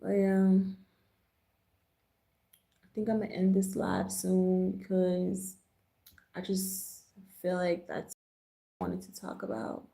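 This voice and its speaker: This woman, born in Jamaica and raised in the US, hosts a livestream with an American accent, chatting in a laid-back, slangy way. Her lowish voice is warm with some vocal fry, and the audio sounds roomy and echoing.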